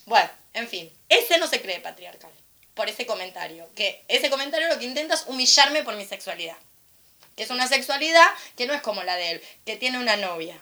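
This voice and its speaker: Bright-voiced Rioplatense woman telling a frank story. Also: on the high side. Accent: Rioplatense Spanish. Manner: animated, acts out quoted voices, frank and irreverent. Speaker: panel speaker. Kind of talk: casual storytelling commentary at a panel.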